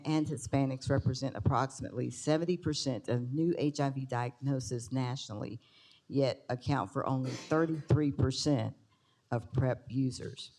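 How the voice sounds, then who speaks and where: A county commissioner formally reading an official resolution aloud like a notary, in measured phrases. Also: mid-range voice, dark tone.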